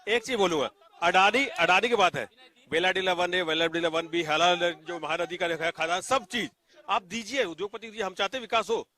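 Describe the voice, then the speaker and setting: Male panelist, high and bright, rapid heated delivery. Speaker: debate panelist, opposition side. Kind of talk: TV news debate argument.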